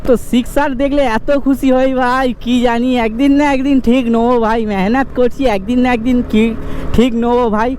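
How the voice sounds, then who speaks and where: A man's voice: extremely high pitch, fairly even intonation, a little fast, a little mellow. A young man vlogs casually to viewers from inside a motorbike helmet, chatty and informal, out riding in traffic. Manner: informal, chatty, frequently addresses viewers as brother. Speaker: motovlogger. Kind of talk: casual ride-along vlog chat to viewers. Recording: enclosed helmet sound, noisy traffic and engine.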